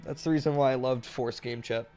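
A man's voice: medium pitch, steady tone, fairly quick, darkish tone, faint music behind. Congested young man, crude and laughing. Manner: crude, profane, laughing often. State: congested from a cold. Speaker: gamer and channel host. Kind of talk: casual gameplay commentary.

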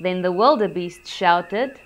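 A woman reading a rhyming picture book aloud for children, gentle and expressive. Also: lowish voice, slow. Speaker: children's storyteller.

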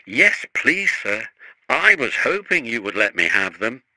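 A man's voice: mid-range voice, sing-song, unhurried, pushed and bright, no echo, full character voice, low-quality recording. A man voicing a polite, eager male steam engine.

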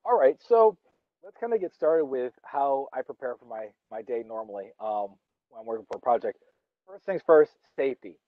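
A man's voice: medium pitch, a little fast, phone-quality sound. A young man vlogging while he eats outdoors, rambling casually with fillers and restarts. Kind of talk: casual talk while eating. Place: outdoors under a tree in a yard.

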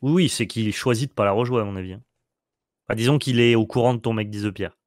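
A man co-hosting casual gameplay commentary, quick and excitable as he coaches his partner through each turn. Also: fairly low pitch, no echo, clean studio sound. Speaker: co-host advising the player.

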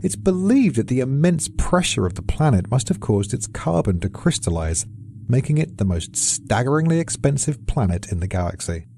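A man's voice: medium pitch, very animated, moderate pace, gravelly, a little mellow, slight background noise. British guy reading a science script, dry wit, bouncy delivery. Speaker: explainer. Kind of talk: scripted narration.

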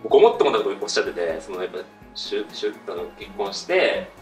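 A young man in casual chat, flustered and halting, speaking deferentially. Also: on the low side, very animated. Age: young adult. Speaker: junior performer, target of a prank. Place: small meeting room with hard walls. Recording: echoey room, distant mic, music behind.

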